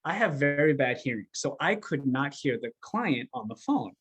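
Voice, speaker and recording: A man, a coach and podcast guest, telling a story in an animated, emphatic way and acting out what people said. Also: medium pitch, moderate pace, husky. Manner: animated, emphatic storyteller who acts out quotes. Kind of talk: conversational storytelling. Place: podcast interview.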